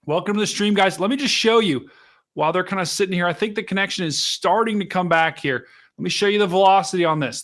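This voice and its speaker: A man's voice: sits high, fairly bright tone. A man hosting a live weather stream, explaining radar to viewers in a casual but urgent, hyped way. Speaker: livestream host commentating on storm chase. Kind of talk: live weather commentary to chat.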